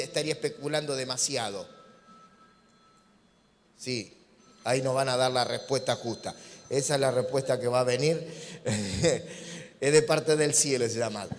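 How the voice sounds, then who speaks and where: Argentine pastor preaching in a reverberant hall. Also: male voice, mid-range voice, a bit bright. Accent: Argentine Spanish. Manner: conversational preaching, acting out imagined dialogue with humor. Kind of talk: sermon. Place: church sanctuary.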